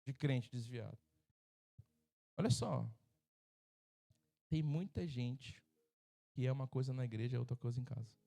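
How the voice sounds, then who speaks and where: Here the same kind of church sermon comes from a middle-aged Brazilian pastor with a medium-pitched, dark voice, vocal fry, and frequent pauses at a normal speed. He speaks with a Brazilian Portuguese accent, cracking jokes and imitating the voices of characters he quotes.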